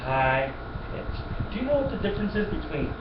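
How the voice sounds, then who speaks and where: Brisk and very animated, a man whose voice sits high coaches a child at the piano, patiently going over points again and praising a lot. A far-away webcam gives a dull, echoey recording with music and a great deal of noise.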